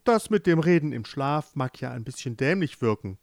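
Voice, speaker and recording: A man voicing a calm, easygoing queen who speaks in a relaxed, soothing way. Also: medium pitch, moderate pace, gravelly, no echo, studio quality.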